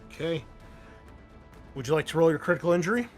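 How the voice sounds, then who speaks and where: A game master runs a tabletop roleplaying game, thinking aloud as he works through the rules in a casual way. His fairly high voice is animated and fast, and music plays in the background.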